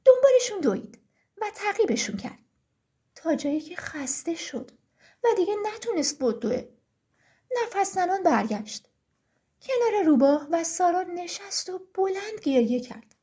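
A woman narrating a children's story in an expressive, sing-song reading. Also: extremely high pitch.

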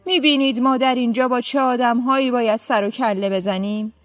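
A woman voicing an arrogant, scornful male governor in a story, talking down with loud, mocking words. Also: on the high side, steady tone, natural voice. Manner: shouting, mocking and haughty.

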